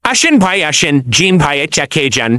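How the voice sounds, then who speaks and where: Cheeky, bright-voiced Mullah Nasruddin, played by a man. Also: fairly high pitch, sing-song, a little fast, clear, resonant tone, dry recording, studio quality. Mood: hawking. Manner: wheedling, boastful, playful. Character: cheeky, self-assured male folk trickster mullah.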